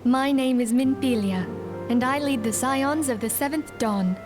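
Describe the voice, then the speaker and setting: A solemn leader of a secret order speaks in formal, measured sentences full of archaic turns. Her voice sits slightly high, and game music plays clearly behind her. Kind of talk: game voice acting.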